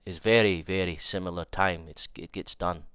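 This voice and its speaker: A young man with a nasal voice and a cold, excitedly rambling through a fighting game trailer breakdown and thinking aloud with restarts. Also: deep voice, moderate pace, a little hiss or hum. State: has a cold. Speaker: fighting game content creator.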